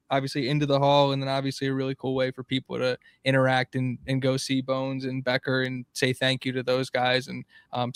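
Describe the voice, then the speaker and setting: Smooth-voiced man chatting about sports. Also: mid-range voice, no room sound, studio quality. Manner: chatty, rambling with fillers. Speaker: podcast co-host. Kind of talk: casual sports chat.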